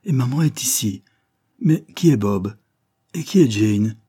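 A man voicing a small, stout elderly father in an audiobook, talking faintly and flatly at times. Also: mid-range voice, a little slow. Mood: delighted. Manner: speaks faintly, oddly flat and weary. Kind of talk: audiobook character reading.

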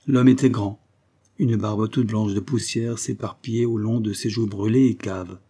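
An audiobook narrator reads a scripted story in a measured, even way. His low, husky voice has a dark, mellow tone.

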